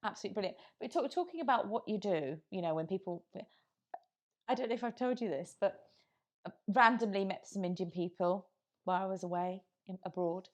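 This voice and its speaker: A woman co-hosting a casual chat, telling animated stories from her own life. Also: medium pitch, a little fast. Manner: chatty storyteller, animated anecdotes. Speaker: podcast co-host.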